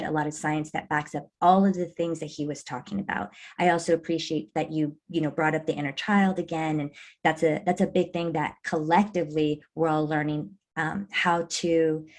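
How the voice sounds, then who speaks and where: Woman, low pitch, talk-show host, thoughtful, affirming. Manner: thoughtful, affirming, builds on guest's ideas. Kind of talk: conversational interview.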